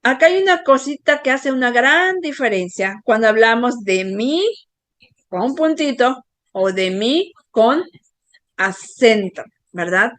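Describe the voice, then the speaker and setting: A woman's voice: fairly high pitch, expressive, takes it slowly, a bit bright, no echo. A woman giving a motivational talk, explaining step by step and often checking in with her listeners. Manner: explanatory, asks the audience for agreement; uses diminutives.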